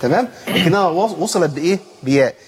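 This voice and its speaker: A man with an Egyptian accent leads a tajweed lesson at a fast clip. His voice sits a little high. He breaks off into slow, drawn-out demonstrations of each sound. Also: expressive, husky. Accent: Egyptian Arabic. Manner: explains briskly, then draws out sounds slowly to demonstrate them. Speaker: Quran recitation teacher.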